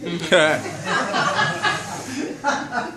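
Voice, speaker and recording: Male stand-up comic, deadpan delivery, slightly high voice, recorded from far off in a noisy club. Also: drawn-out words. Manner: deadpan one-liners with chuckles. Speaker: stand-up comedian. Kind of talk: stand-up comedy set. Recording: echoey club audio from a distance. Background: audience laughter and room noise.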